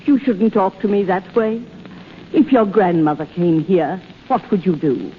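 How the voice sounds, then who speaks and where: A woman's voice: mid-range voice, unhurried, close to an everyday voice. Casting: woman playing elderly swindler aunt, hard-drinking, blunt, wisecracking; 1930s radio style, dull noisy recording. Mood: sardonic. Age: older.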